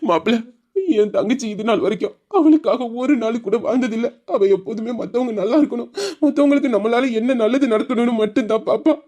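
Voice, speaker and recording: A grieving, pleading brother. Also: male voice, extremely high pitch, a little fast, warm tone. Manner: emotional, sorrowful and pleading. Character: grieving older brother, husband's in-law.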